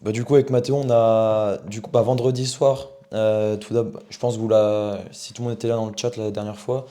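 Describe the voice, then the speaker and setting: A young man with a French accent co-hosting a live football chat stream, talking in a relaxed, chatty way with lots of fillers. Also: on the low side, brisk. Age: young adult. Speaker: co-host.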